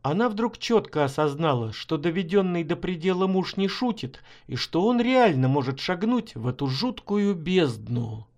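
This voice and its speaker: A man narrating his own short story as an audiobook in a measured, expressive way. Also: on the high side. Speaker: author reading his stories.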